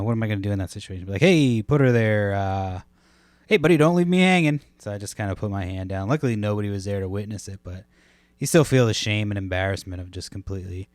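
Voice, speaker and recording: A man with a low voice tells a long, rambling story for his podcast, swearing constantly and leaning on fillers. The sound is dry and close, with no room echo behind him. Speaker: podcast host. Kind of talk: casual solo podcast rambling. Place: home.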